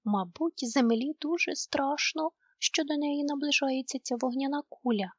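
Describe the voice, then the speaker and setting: A woman voicing a brave, eager young male moomin troll in a storybook reading, with excited exclamations. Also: high voice, moderate pace, no echo, dull audio, pitched above the performer's own voice, lightly acted. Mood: wondering.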